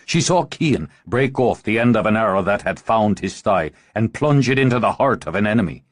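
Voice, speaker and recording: A man narrating an audiobook in a dramatic, expressive way. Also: on the low side, moderate pace.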